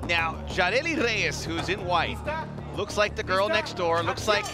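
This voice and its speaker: Male play-by-play fight caller, distinctly high register, broadcast with clear music behind. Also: unhurried. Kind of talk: live sports commentary.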